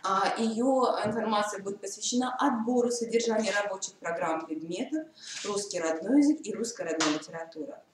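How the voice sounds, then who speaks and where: A woman moderates a seminar, formally introducing the speakers and addressing her colleagues politely. Her medium-pitched voice is brisk, recorded in an echoey room with a distant mic and faint noise.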